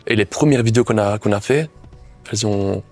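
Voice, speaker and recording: A man with a Belgian accent chatting in an interview, animated and rambling, with constant little asides. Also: on the low side, a little fast, soft background music. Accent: Belgian French. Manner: animated, rambling, frequent "tu vois". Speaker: guest, content creator. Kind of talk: casual interview chat.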